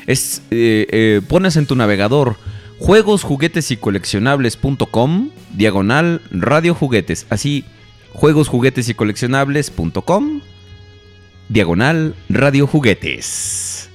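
A Mexican man chatting on a podcast with a lively, swooping voice. He tells jokes and stories and laughs easily. Faint guitar music plays behind him. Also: medium pitch, takes it slowly. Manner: joking storyteller, laughs often. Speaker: podcast co-host. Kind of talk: casual chat.

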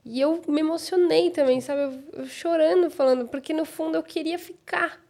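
A woman's voice: sits high, normal speed, mellow. A Brazilian woman hosting a podcast, talking candidly and reflectively about her own experience as a mother. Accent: Brazilian Portuguese. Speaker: podcast host. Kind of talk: casual conversation.

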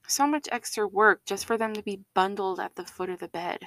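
A woman's voice: mid-range voice, brisk, a bit bright, no echo. A woman co-hosting a podcast in casual chat, talking chattily with laughs and playful drops to a whisper. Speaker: podcast co-host.

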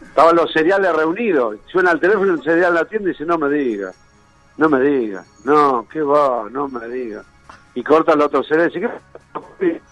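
A man's voice: a little high, fairly quick, a bit bright, highs cut off, faint music behind. A man with a Rioplatense Spanish accent telling one joke after another on a radio show, laughing at his own punchlines. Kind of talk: rapid-fire joke telling.

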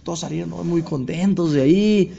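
A rabbi delivers a sermon in a slightly high voice. He tells stories with animation, slipping into the voices of the people in them. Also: fairly quick, vocal fry, muffled recording, a little hiss or hum. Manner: animated storyteller acting out dialogue. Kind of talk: sermon with storytelling.

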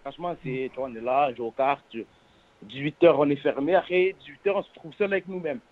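Young French suburban man, slangy, tinny phone. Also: a little high. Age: 20s. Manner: earnest, halting, repeats oaths and words. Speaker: phone-in caller. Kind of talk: casual chat in French suburb street slang. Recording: narrow, tinny phone-line sound.

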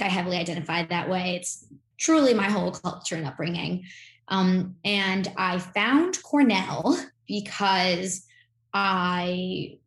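A young woman from Miami talks through her story in a loose, chatty way. She piles on fillers and restarts. Her voice carries the echo of the room. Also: lowish voice. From Miami, Florida. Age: young adult. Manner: rambling, filler-heavy, chatty. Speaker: guest, incoming podcast host. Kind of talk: casual interview chat.

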